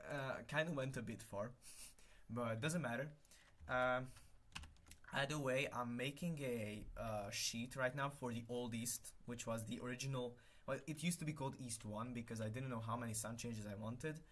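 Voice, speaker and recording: A young man, a native Hungarian speaker, chats casually on a live stream as he works. His voice is medium-pitched and a little bright, and he rambles, often correcting himself and using lots of fillers.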